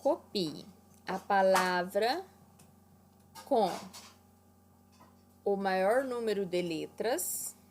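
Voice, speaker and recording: A woman's voice: medium pitch, lively intonation, extremely slow, long pauses, darkish tone, slight background noise. A woman teaching an online class to children, walking them through exercises patiently and checking in often. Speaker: primary school teacher.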